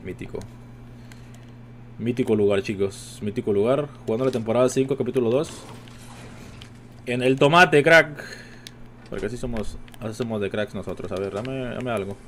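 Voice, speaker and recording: Mexican male streamer, excitable casual game commentary, mid pitch, faint background noise. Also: moderate pace, long pauses. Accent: Mexican Spanish. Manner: excitable, jumps to high-pitched exclamations; chatty, addresses viewers constantly. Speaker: gaming streamer.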